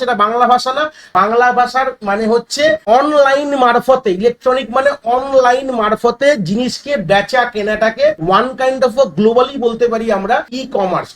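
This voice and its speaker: Male tutor, very high voice, quick delivery, talks directly to students. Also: fairly bright tone. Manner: addresses students directly, mixes English terms into Bengali; repeats phrases and restarts mid-sentence. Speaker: teacher. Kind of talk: exam-prep lecture.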